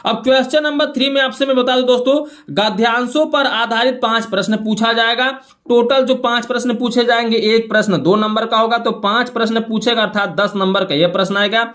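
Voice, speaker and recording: A man's voice: extremely high pitch, steady tone, fairly quick, fairly bright tone. A young man teaching an exam syllabus lesson, talking in a repetitive way and checking in with listeners as friends. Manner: repetitive, addresses viewers as friends, frequent checking fillers.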